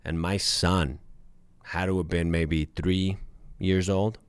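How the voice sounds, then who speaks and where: A podcast host in his thirties tells his listeners a personal story, candid and profane, addressing them as "guys." His low voice is steady and slow, with a clean tone and no room sound.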